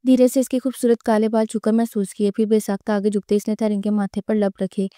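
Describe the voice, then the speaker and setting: A woman narrating a romance novel in a steady, even reading voice, close to the mic. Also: medium pitch, clean tone, no echo.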